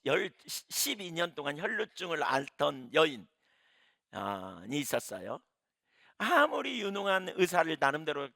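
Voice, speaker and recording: A man's voice: a little high, creaky, bright, forceful tone, no echo, studio quality. A middle-aged man preaching a sermon as pastor, acting out the words of biblical figures as he tells their stories.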